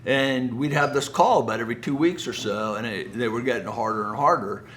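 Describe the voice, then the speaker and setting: A middle-aged speaker and home builder shares business anecdotes conversationally, with a folksy touch and plenty of acted-out quotes. He's brisk, his mid-range voice fairly bright, and a little hiss or hum sits beneath it.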